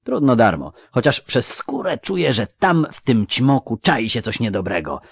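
A man's voice: mid-range voice, sing-song, moderate pace, gravelly, breathy edge, no room sound, studio quality, voice pushed up, full character voice. A man voicing a frightened teenage boy, anxious and pleading, in an audiobook. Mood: brooding. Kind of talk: audiobook character voice.

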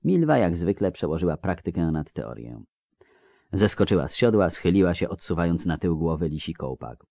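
A man reading an audiobook in a dramatic, expressive way. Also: sits low, normal speed, vocal fry, no room sound, clean studio sound. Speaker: narrator.

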